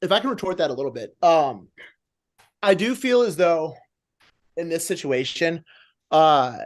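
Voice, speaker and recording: Higher-voiced man, hesitant in debate. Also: animated, a little slow. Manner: hesitant, hedging, polite disagreement. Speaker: competition judge. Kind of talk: casual panel debate.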